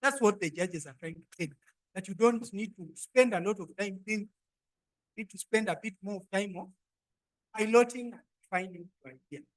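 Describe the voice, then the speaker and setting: A woman hosting a live pitch competition, exhorting the audience and repeating her instructions. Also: moderate pace, poor audio. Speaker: event host and emcee. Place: live event before an audience.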